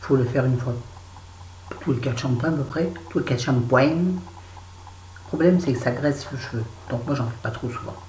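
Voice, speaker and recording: In an echoey room with faint noise, a middle-aged woman talks casually through her finished beauty products for an empties review. Her voice is a rumbling low with a darkish tone, at normal speed. As a beauty vlogger, she playfully puts on a southern French accent.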